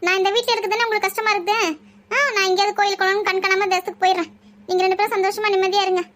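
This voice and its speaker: A woman playing a nagging, sharp-tongued mother-in-law in a village family skit, scolding and taunting with quick retorts. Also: very high-pitched, little pitch movement.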